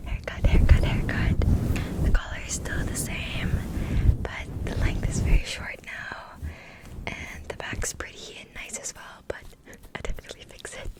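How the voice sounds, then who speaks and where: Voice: unhurried, rough recording. Whispering young ASMR creator, repeating words. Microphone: sensitive mic with a fluffy cover.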